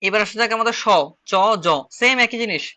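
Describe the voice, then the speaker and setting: A man with a Chittagong Bengali accent teaches an online shorthand class in a high, very bright voice. He drills each point step by step and says it again and again, so the class can follow. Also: fairly even intonation, fairly quick. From Bangladesh. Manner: repetitive, drilling, step-by-step explaining.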